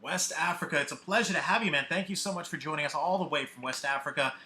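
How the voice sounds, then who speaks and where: A man's voice: fairly high pitch, quick pace, bright, forceful tone. A man hosting a live online music competition over a video call, introducing judges and artists with an upbeat announcer delivery. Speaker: host.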